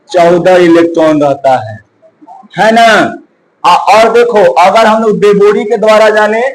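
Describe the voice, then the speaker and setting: A man's voice: sits high, poor audio. A male coaching teacher, giving a chemistry lesson, asking and answering his own questions and counting aloud.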